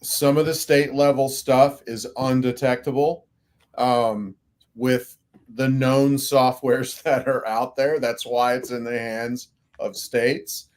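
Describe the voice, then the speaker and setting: A man's voice: mid-range voice, fairly even intonation, slow, a little mellow. A man co-hosting a cybersecurity podcast, talking casually and rambling with frequent fillers.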